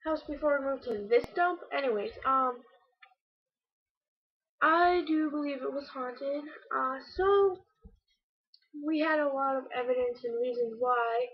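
A teenage girl vlogging casually, rambling with lots of fillers about an old recording. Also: sits high. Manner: rambling, filler-heavy, self-deprecating. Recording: dull lo-fi webcam audio.

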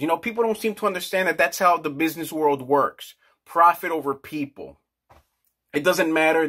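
A man in his forties, a vlogger, rants in a small indoor office in a casual, crude, rambling way, brash and full of slang. His voice is fairly high-pitched and a bit bright.

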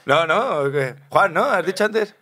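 A man from Spain co-hosting a casual podcast, telling anecdotes animatedly with shouted sound effects. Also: high-pitched, expressive, normal speed, faint music behind. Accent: Spanish from Spain. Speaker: podcast co-host.

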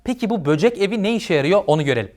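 Man, news anchor, high voice, fast delivery, upbeat, encouraging. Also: lively intonation, darkish tone. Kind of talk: scripted news presenting.

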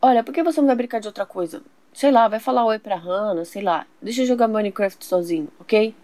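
A woman's voice: a little high, fast talker, mellow, no echo, lightly acted. A woman voicing a grumpy teenage boy gamer in a toy doll soap opera, grumbling and mocking. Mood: irritated.

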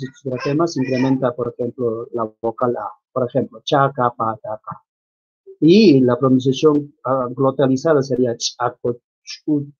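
A man's voice: mid-range voice, darkish tone, husky. A man giving a virtual conference lecture, explaining examples step by step and ending points with a questioning tag. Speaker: lecturer on the Quechua language. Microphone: video call. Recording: dull lo-fi video call audio.

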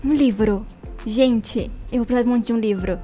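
High-voiced playful Brazilian woman gamer. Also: steady tone, fairly quick, over loud music. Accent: Brazilian Portuguese. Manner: chatty, playful, talks to viewers and in-game characters, bursts of high squeals. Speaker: Minecraft let's player. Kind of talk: casual gameplay commentary.

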